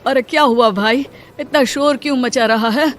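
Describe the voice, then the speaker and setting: A woman voicing a poor, brave laborer husband in a cartoon story, earnest and quick to exclaim. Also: fairly high pitch, a bit bright, slight background noise, close to an everyday voice. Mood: alarmed. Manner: earnest, exclaims "arey" a lot. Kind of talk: Hindi cartoon story dubbing.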